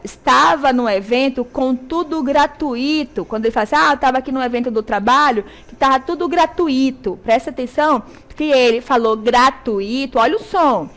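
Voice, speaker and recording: A woman with a Brazilian Portuguese accent teaching a televised school lesson, checking in with her students often and slowly stressing syllables. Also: sits high, fairly bright tone. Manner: didactic, checks in with "tá?" and "certo?".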